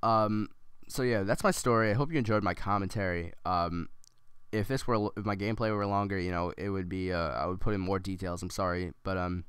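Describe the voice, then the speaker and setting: A man's voice: low voice, fairly even intonation, fairly quick, fairly bright tone, clean tone, no echo. A man rambling through a story as casual gameplay commentary, with many ums and restarts.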